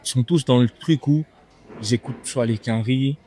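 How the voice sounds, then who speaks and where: At a restaurant meal with music playing, a young rapper from France chats in a casual interview, laid-back and full of slang, often repeating himself. His mid-range voice, mellow and slightly rough, keeps a normal speed.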